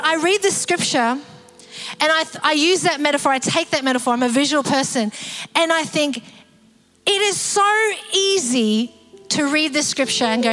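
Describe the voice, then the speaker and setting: Woman pastor, lively sermon delivery with acted-out voices, higher register, soft music bed. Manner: animated, acts out quoted voices.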